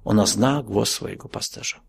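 Guy giving a sermon, gravelly husky voice, keeps asking the crowd questions and then pushes up high on the big points. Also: moderate pace. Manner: questioning, rises to emphatic high peaks. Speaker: preacher.

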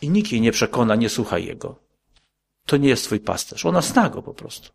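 Gravelly-voiced man preaching. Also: big pitch swings, moderate pace. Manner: questioning, rises to emphatic high peaks. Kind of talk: sermon.

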